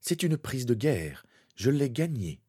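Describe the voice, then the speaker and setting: A man's voice: mid-range voice, sing-song, unhurried, warm tone, breathy edge, voice pushed up. A man voicing a haughty, cruel young wizard in a fan fiction reading, speaking with arrogant possessiveness.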